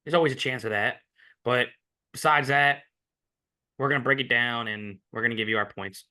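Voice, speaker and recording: A man's voice: medium pitch, moderate pace, pushed and bright. A man co-hosting a sports betting podcast, talking in a rambling, opinionated casual way. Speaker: podcast co-host.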